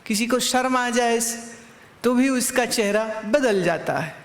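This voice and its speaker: A woman's unhurried, somewhat high voice leads a satsang, where as a spiritual teacher she tells anecdotes and directly asks listeners rhetorical questions. The recording sounds roomy and reverberant.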